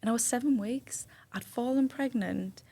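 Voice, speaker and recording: Her voice sits on the high side, warm and creaky, at a normal speed. Speaking as a guest in an indoor podcast studio, she relives a personal story with strong feeling, quoting and performing people's lines.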